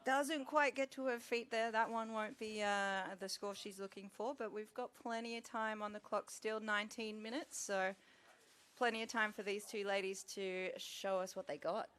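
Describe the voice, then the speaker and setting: Bright-voiced woman calling live sport. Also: mid-range voice, steady tone, moderate pace, clear, resonant tone. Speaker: co-commentator. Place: commentary booth at a surfing event.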